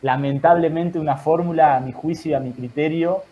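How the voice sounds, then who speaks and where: A man, a guest in an online talk, giving calm, thoughtful advice in measured explanatory phrases. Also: on the high side, narrow, tinny audio. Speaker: guest speaker.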